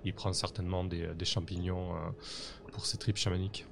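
A man's voice: low-pitched, flat delivery, normal speed, creaky, background noise. A man narrating a tabletop game as game master over an online voice call, hesitant and full of fillers and restarts.

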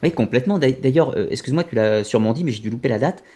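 Mellow-voiced male host asking questions. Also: mid-range voice, expressive, racing, breathy edge. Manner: short prompts and clarifying questions. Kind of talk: casual interview chat.

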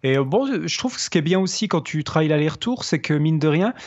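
A man, a guitarist co-host explaining technique in casual chat, pausing to find his words. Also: a little high, lively intonation. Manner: explanatory, pauses to search for words. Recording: slightly dull lo-fi sound.

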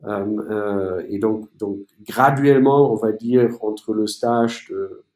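A man from East Germany, a native German speaker, answering interview questions in a halting way with many fillers and restarts. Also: on the low side, warm tone, echoey room. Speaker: entrepreneur guest.

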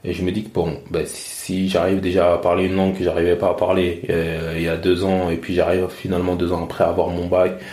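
A man in his thirties from France, speaking as an interview guest in a halting way, with many restarts and repeated words. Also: deep voice, monotone, a little mellow. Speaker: interview guest, media founder. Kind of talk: casual interview talk. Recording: roomy echo.

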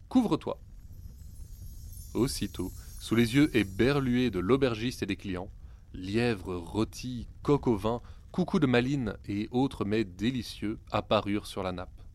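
Low-voiced man telling a wry fairy tale. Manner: wry, ironic storytelling. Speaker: storyteller. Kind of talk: scripted fairy-tale narration.

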